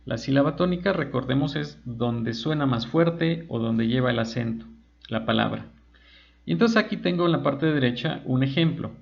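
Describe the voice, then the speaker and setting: Gravelly man giving a slow lecture. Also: mid-range voice, animated. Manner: slow, explanatory, spells out examples. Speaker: teacher. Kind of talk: recorded lecture. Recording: dull lo-fi recording.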